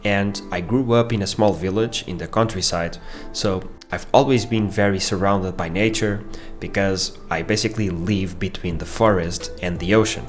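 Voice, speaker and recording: A man in his thirties from Portugal with a Portuguese accent, giving a measured, explanatory scripted narration for his own video. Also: low voice, fairly even intonation, soft background music. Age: 30s. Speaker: vlogger.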